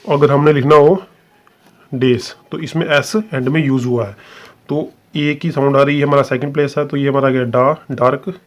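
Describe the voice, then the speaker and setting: A man teaching a shorthand lesson, explaining step by step in a patient, repetitive way and often checking in with the class. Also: medium pitch.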